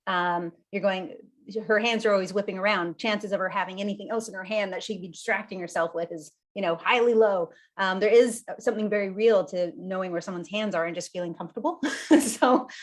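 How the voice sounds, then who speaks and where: Lively woman presenting on a video call. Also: mid-range voice. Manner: lively and conversational, laughs often; talks while standing and gesturing. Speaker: workshop presenter. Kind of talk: live online presentation.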